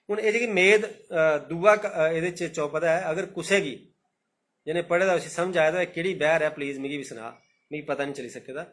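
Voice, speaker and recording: Dogri guy teaching poetry on a live stream, kinda high voice, repeats stuff, reads verses slow. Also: a bit bright. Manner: explaining, repeating points, recites verses slowly.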